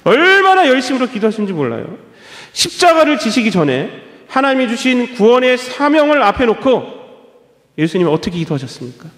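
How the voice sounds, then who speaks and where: Man, pastor, preaching, high animated pitch, rhetorical questions, echoey church. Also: fairly quick. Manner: emphatic preaching with rhetorical questions and repeated phrases. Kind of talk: sermon. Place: church sanctuary.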